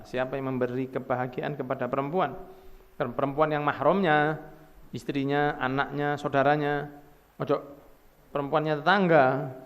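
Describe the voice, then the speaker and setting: A man preaching with a Javanese accent, his slightly high voice carrying a gravelly rasp. He speaks with animated swings, lifting steeply in emphasis and falling back to quiet asides. The sound rings with a long echo, as in a hall. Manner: animated, rising sharply when stirred, mixing in Javanese phrases. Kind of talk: sermon.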